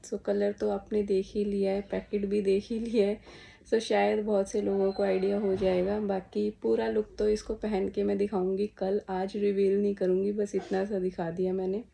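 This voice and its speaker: A woman's voice: mid-range voice, level tone, normal speed, creaky, warm tone. A young woman vlogging from her home in a chatty, casual way, talking straight to her viewers. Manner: chatty, addresses viewers as guys, talks sweetly to her small son. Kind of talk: casual chat to camera. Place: at home indoors.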